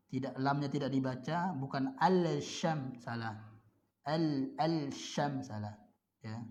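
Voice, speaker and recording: A man from Indonesia teaching Arabic letters in a recorded lesson, drawing out example words slowly and repeating each point with little "ya" and "nah" checks. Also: mid-range voice, mellow.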